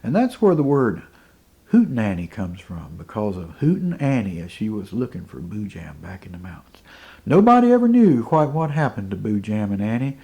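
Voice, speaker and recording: A man telling a folk tale in an unhurried, dramatic way, dropping to hushed asides. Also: lowish voice, wildly swooping pitch. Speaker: folk storyteller.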